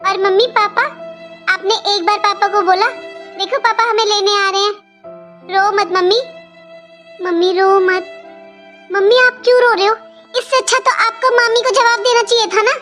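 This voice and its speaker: A woman doing a very high little girl. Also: steady tone, normal speed, pauses often, over loud music. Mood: consoling. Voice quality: high childlike voice. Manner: pleading and talkative. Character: young girl, outspoken and earnest. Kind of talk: cartoon voice acting.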